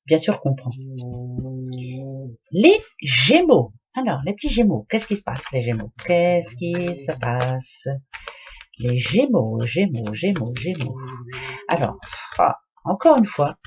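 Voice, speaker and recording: Husky voice, chatty tarot reader, repeats key phrases, casual card reading, lo-fi muffled audio. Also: medium pitch, a little mellow. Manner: chatty, padded with hein and voilà.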